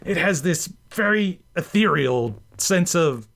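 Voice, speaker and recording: With music underneath, a man hosts a rant and commentary show, reading scripted commentary full of wordy, bookish language. His fairly high, bright voice has lively intonation and vocal fry, and he speaks slowly.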